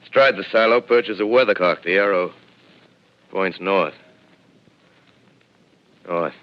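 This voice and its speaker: An actor playing a lone, shaken professor surviving an invasion, narrating gravely in a 1930s radio drama heard through old AM radio sound. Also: male voice, low voice. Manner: grave, measured, reflective. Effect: old AM radio broadcast sound. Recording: muffled 1930s AM radio broadcast.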